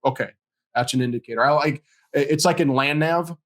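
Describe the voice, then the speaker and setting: A man's voice: on the high side, a little fast, a bit bright. A man hosts an interview podcast in casual conversation. He tells stories and acts out the lines of the people in them. He laughs easily as he talks. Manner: storytelling, acts out quoted dialogue, laughs often. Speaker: podcast host.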